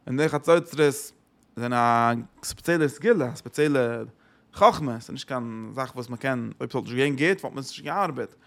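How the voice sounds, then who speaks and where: A man's voice: medium pitch, normal speed, a bit bright. A man giving a religious lesson who asks rhetorical questions and repeats his phrases. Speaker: Torah teacher.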